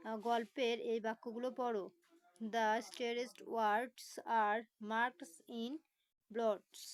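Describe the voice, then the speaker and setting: Slow, patient woman teacher spelling words. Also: on the high side, darkish tone, rough recording. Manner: spells words letter by letter, slow explanations with many fillers. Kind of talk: online lesson explaining a textbook.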